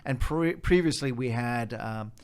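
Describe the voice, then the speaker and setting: A man with an Australian accent speaks as an organization leader being interviewed. His voice sits at an average male pitch. He explains in an orderly way, step by step, and repeats key points for emphasis. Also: unhurried, smooth.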